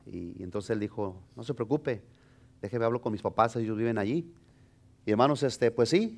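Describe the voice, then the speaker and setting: A man, a pastor telling a personal testimony in a sermon, with many restarts and fillers. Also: mid-range voice. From Mexico.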